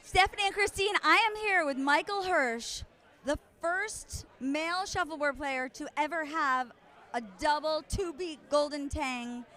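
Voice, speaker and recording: A high-pitched woman brings bubbly, effusive energy to live sports commentary. She works the sideline as a reporter, gushing over players as she interviews them. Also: a little slow, bright, forceful tone.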